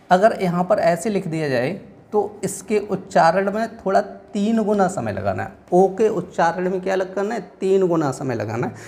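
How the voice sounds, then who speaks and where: A man's voice: high-pitched, a little mellow. A male teacher with a northern Indian Hindi accent, giving a classroom lecture and often quizzing listeners with rhetorical questions.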